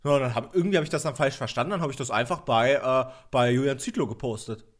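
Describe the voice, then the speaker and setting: A man's voice: mid-range voice, fast. A man in casual conversation, telling a workplace story animatedly, laughing easily and tripping over his words. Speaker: podcast co-host. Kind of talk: casual chat.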